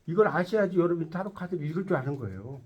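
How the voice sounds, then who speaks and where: A man with a husky, slightly higher voice lectures a classroom full of students. His pitch swings animatedly as he quizzes them, jokes and laughs his way through the lesson. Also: expressive, racing, lo-fi sound. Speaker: tarot instructor.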